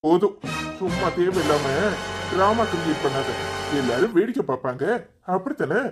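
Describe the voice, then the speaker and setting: A man's voice: high voice, animated, normal speed, over music. A man voicing an angry, stubborn young husband who teaches at a college, scolding and dismissing his wife in a cartoon story.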